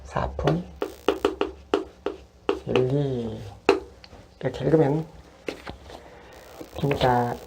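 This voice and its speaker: A woman's voice: a bass voice, very slow, creaky, pauses often, heavy background noise. A woman math tutor patiently walking through worked exercises step by step. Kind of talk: worked-example lesson.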